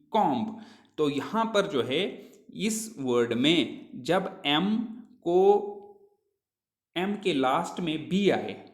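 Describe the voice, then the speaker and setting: A male English teacher, giving a classroom pronunciation lesson, asking his own questions and repeating words slowly. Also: a little high. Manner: speaks Hindi mixed with English words.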